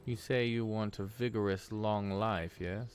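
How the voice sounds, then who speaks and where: A man voicing a creepy, overly polite male shopkeeper with a taste for flesh, speaking slowly and curiously. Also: lowish voice, steady tone, darkish tone, faint music behind, natural voice. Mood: sinister curiosity. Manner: slow, curious, oddly polite. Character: creepy soft-spoken male shopkeeper who eats people.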